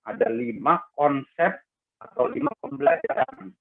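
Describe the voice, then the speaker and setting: A man teaching an online exam-prep lecture, unhurried and full of hesitations, his voice crackling and breaking up with distortion. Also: high voice, wildly swooping pitch, creaky, narrow, tinny audio. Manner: unhurried, many hesitations and restarts. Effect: crackling, breaking-up distorted audio. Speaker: teacher trainer.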